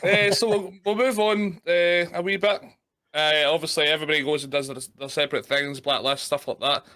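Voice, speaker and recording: A man hosting a casual interview chat, relaxed and swearing casually. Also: fairly high pitch, brisk. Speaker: podcast host.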